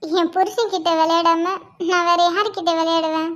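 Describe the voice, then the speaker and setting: A woman voicing Nila, a gentle, forgiving young wife and new mother in a cartoon, speaking softly and cheerfully. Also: extremely high pitch, steady tone, normal speed. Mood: teasing. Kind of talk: cartoon voice acting.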